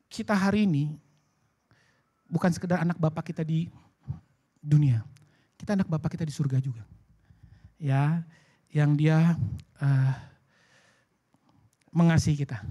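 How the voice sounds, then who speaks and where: A man preaching a sermon at a church service, in a lively, colloquial way that acts out bits of dialogue. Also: on the high side. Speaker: pastor.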